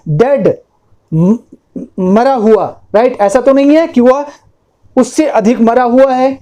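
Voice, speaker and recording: A woman teaching a grammar lesson, explaining step by step, asking rhetorical questions and repeating word forms slowly. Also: fairly high pitch, mellow.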